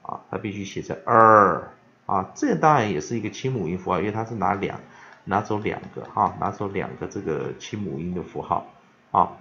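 A man leads an English pronunciation lesson in a low, gravelly voice that swings widely in pitch. He drags out the example words slowly and loudly and fills his pauses with "ah". The recording is dull and lo-fi. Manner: lively, drawn-out demonstration of words, frequent filler "ah". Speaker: English teacher.

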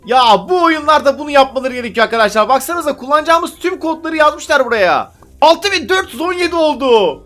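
A man's voice: very high voice, animated, fairly quick, a bit bright. A man giving casual, chatty gameplay commentary to his viewers. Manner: chatty, addresses viewers as friends. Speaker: gaming YouTuber. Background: faint background music.

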